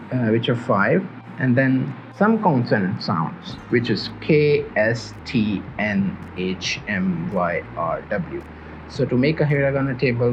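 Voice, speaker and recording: A man from Pakistan, whose first languages are Urdu and Punjabi, earnestly teaches a casual video lesson for beginners and often repeats himself. His voice is medium-pitched, and the recording sounds muffled.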